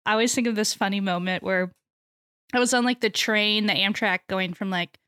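A woman's voice: mid-range voice, a little fast, bright, forceful tone, smooth, no echo, studio quality. A young woman from Texas with a Texan accent, chatting casually as a podcast co-host, giggling often and filling her talk with "like". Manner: giggly, chatty, many fillers. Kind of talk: casual chat.

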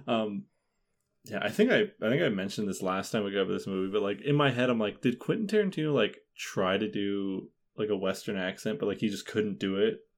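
A man's voice: on the low side, lively intonation, brisk. A man chatting casually about a film on a podcast, rambling with many fillers and frequent laughter.

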